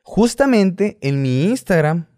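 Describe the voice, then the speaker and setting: A man's voice: high voice, very animated, takes it slowly, a little mellow, no room sound, clean studio sound. A Mexican man, a podcast guest, talking casually and rambling, often losing his thread. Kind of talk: casual chat.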